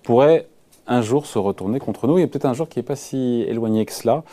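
A man interviewing an economics columnist, asking brisk, probing questions on public debt. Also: mid-range voice, warm tone. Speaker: radio interviewer. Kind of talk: radio interview.

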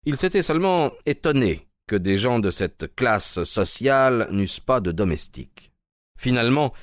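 Deep-voiced male narrator. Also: no room sound, studio quality. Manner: steady, measured storytelling. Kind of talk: scripted dramatic narration.

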